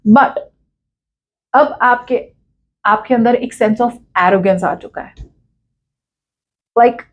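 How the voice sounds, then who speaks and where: A woman's voice: on the high side, muffled recording. A woman giving a casual tarot reading in mixed Hindi and English, talking directly and emphatically to the listener and acting out quoted lines. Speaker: tarot reader.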